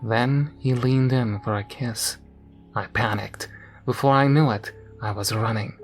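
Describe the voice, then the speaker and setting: Brief: male narrator for a creepypasta reading, measured scripted delivery, mid-range voice, soft music underneath. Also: mid-range voice, fairly even intonation. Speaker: horror story narrator. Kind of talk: scripted first-person horror narration. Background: faint background music.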